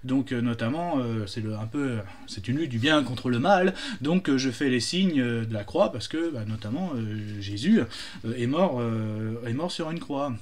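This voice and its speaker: A man's voice: medium pitch, animated, moderate pace. A man telling jokes casually, hesitant, with many fillers and restarts. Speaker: joke teller.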